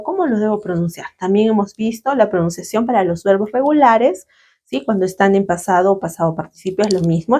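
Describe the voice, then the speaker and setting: A woman's voice: medium pitch, darkish tone. A woman English teacher with a Latin American Spanish accent, explaining grammar patiently and checking in with her students through frequent tag questions. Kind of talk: slow grammar lesson.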